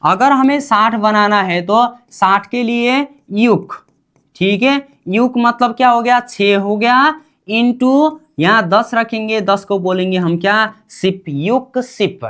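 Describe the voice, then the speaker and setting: Woman teacher drilling a class, slow and patient, keeps asking "what?". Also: a little high, a bit bright. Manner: drills by repeated call-and-response questions. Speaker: language teacher. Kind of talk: classroom language lesson.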